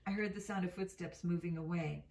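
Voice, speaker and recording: A woman's voice: fairly low pitch, a little fast, creaky, darkish tone. A woman reading a novel aloud in an unpolished way, with slips and self-corrections. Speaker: reader. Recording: roomy, mic at a distance.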